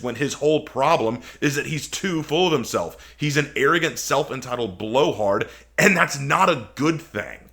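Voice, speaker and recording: This medium-pitched, fairly bright male voice belongs to a commentator hosting a response video. He is casual and opinionated, pressing his points with sarcasm and disbelieving rhetorical questions.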